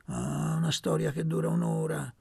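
A woman's voice: low voice, huge pitch swings, moderate pace, vocal fry, husky, dry recording, studio quality, pitched above the performer's own voice, heavily acted. A man voicing a coarse older woman who runs a brothel, brusque and scolding in an audiobook reading. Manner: brusque, scolding, sharp-tongued.

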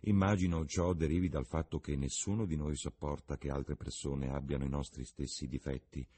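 A man's voice: a bass voice, fairly even intonation, normal speed, mellow, breathy edge. A man reading the part of a witty, cynical young English lord, with a languid, ironic delivery.

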